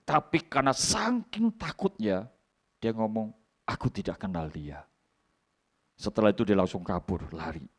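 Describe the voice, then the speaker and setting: A man pastor preaching a sermon in a church, swinging from hushed asides to loud exclamations and acting out the voices in his story. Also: on the low side. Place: church hall.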